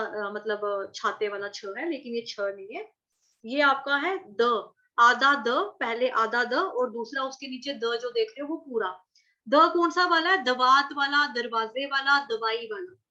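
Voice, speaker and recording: A woman teaching Sanskrit verse pronunciation, sounding out syllables slowly and asking and answering her own questions. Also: high voice, sharp tone. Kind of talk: pronunciation lesson, slow syllable-by-syllable chanting. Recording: dull lo-fi recording.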